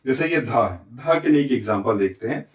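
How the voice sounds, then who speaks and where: A man's voice: mid-range voice, lively intonation, a little fast. A man teaching a Hindi grammar lesson with a Chhattisgarh accent, explaining step by step and answering his own questions. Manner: often adds "ठीक है?" and "है ना?" to check understanding. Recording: echoey room, recorded from a distance.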